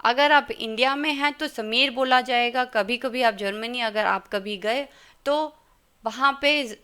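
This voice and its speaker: A woman's voice: on the high side, a little slow, sharp tone, clear, resonant tone. A woman teaching German in an online lesson, patiently sounding out letters and explaining in Hindi mixed with English. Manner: patient, careful pronunciation, mixing Hindi and English.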